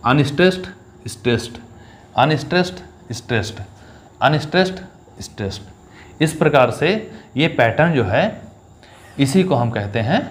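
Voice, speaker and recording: Male teacher, mid-pitched, patient step-by-step exam coaching, slow syllable-by-syllable reading. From India. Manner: explains step by step, reads lines slowly with stress on each syllable. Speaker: English teacher. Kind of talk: exam-focused poetry lesson.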